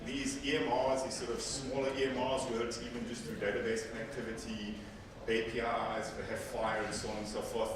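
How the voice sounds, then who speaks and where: Recorded from far back in an echoey hall, a man presents to a seated audience at a technical conference using a handheld mic. He is a native Afrikaans speaker with a mid-range voice, little pitch movement and a slightly fast pace, talking conversationally and often repeating words as he corrects himself. Background noise and the audience are audible.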